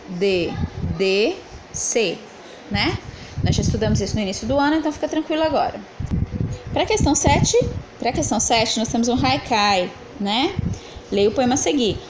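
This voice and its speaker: A woman's voice: fairly high pitch, background noise. A woman teacher correcting exercises in a lesson, asking the class questions and answering them herself as she counts syllables aloud.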